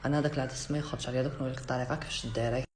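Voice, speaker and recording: A fast-talking, low-voiced woman with an Algerian Arabic accent runs a home cooking demonstration, teasing her viewers and dropping French words. Her voice rings around a bare kitchen over the loud sizzle of a frying pan. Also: steady tone, roomy sound, a little hiss or hum. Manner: chatty and sassy, teasing the viewer, slips into French. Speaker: cooking vlogger.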